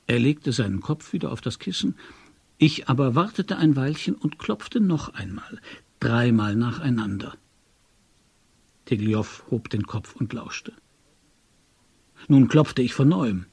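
A man reads a first-person story aloud at an even, measured pace. His voice is husky and a little breathy, at a middle pitch. The recording is dry and close. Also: dry recording. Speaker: narrator. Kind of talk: audiobook narration.

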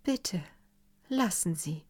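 A cool, evasive young lady, read by a woman storyteller, her lines lifted and lilting with a sad edge. The pace is slow and gentle, as in a literary audiobook. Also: lowish voice, animated, breathy edge, full character voice. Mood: wistful. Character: slender, aloof young lady, wistful and evasive.

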